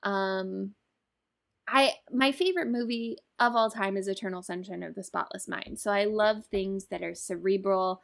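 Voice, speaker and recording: A woman's voice: medium pitch, steady tone, moderate pace, vocal fry. A woman hosting a casual film podcast, enthusiastic and emphatic in how she talks. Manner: enthusiastic, emphatic, swears freely. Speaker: podcast host.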